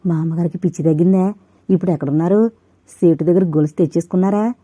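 A woman reading a story voices a chatty village maid with loud, rustic speech. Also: lowish voice, fast talker, dry recording, natural voice. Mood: curious.

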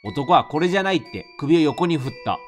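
A man's voice: fairly high pitch, lively intonation, fairly quick, faint music behind, lightly acted. A man reading aloud the part of a girl recalling a childhood encounter from a horror novel, in a plain storytelling way. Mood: calm recounting.

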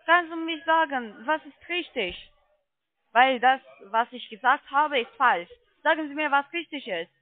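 This call center agent, a woman whose first language isn't German, speaks it with a foreign accent while insistently arguing and repeating herself in an unscripted call. Her voice sits high, with lively intonation and an unhurried pace. The sound is dry, tinny, and narrow, as over a phone line.

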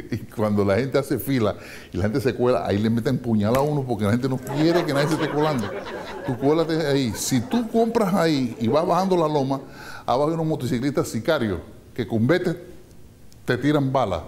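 A man's voice: mid-range voice, normal speed, crowd noise. A man, a comedian telling a long joke, laughing and jumping into voices for each character. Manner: animated, laughing storyteller who does many voices. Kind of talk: comic joke telling and sketch.

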